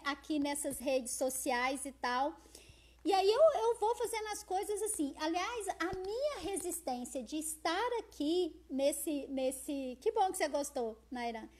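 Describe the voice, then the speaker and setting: A Brazilian woman with a very high voice and a Brazilian Portuguese accent hosts a casual live stream on her phone. She speaks loudly, forcefully and expressively, chatting with viewers and reading their comments aloud.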